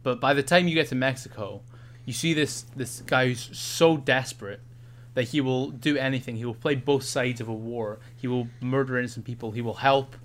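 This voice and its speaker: A man's voice: medium pitch, steady tone, moderate pace. A man co-hosting a podcast, chatting casually, often trailing off mid-sentence. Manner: laughs often, trails off, swears. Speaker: podcast co-host. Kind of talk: casual chat.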